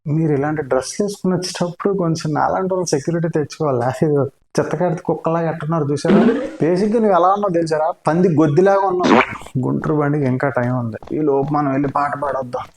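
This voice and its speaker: Rapid, mocking young man gaming in VR. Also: a little high. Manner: insulting, teasing and yelling at game characters. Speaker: VR gamer streamer. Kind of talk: comic game commentary. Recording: echoey room with loud noise.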